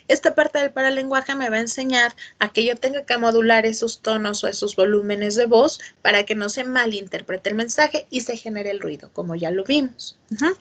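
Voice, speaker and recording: A woman teaching an online class, expressive and checking in often with her students. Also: fairly high pitch. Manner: expressive, asks for checks with "¿sí?" and "ujú".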